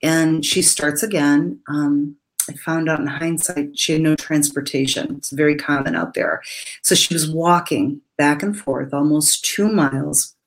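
A woman's voice: deep voice, measured pace, poor audio. A middle-aged woman telling an earnest, emotional story as a guest speaker in an interview, with many fillers.

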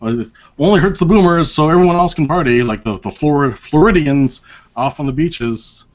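A man appears as an interview guest, chatting casually and rambling with lots of fillers and restarts in a wry, self-deprecating way. His voice sits on the high side, expressive and a little mellow at a moderate pace, captured in dull lo-fi audio.

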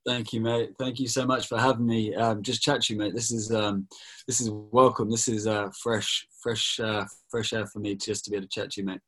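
British pastor in his thirties, relaxed and jokey, video call. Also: on the low side, a little fast, rough recording. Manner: relaxed, jokey, keeps saying mate. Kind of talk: casual video call interview.

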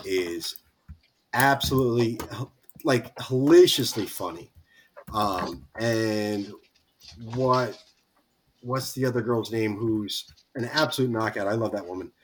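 A man chatting as a podcast guest, rambling and halting with many restarts. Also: lowish voice, slight background noise. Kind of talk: casual chat.

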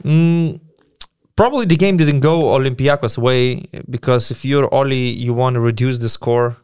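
Male sports talker, medium pitch, dry studio-close sound, conversational, emphatic, quick to give opinions. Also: a little mellow, smooth, no echo. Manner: opinionated, emphatic, repeats points. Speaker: basketball podcast co-host. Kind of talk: casual sports discussion.

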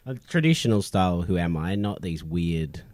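A man's voice: sits low, animated, normal speed, a little mellow, no echo. An Australian man bantering casually as a sports podcast co-host in a cheeky, teasing way.

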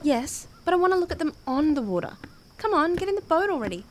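Woman doing a teasing teen girl, high voice, lively, noisy audio. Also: fast. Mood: playful. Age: teens. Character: seventeen-year-old girl on a night boat, playful then scared.

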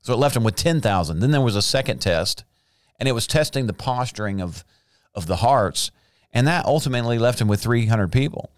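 A man's voice: mid-range voice, lively intonation, fairly quick, no room sound, studio quality. A man giving a casual devotional talk, speaking earnestly and conversationally as he reads out statistics.

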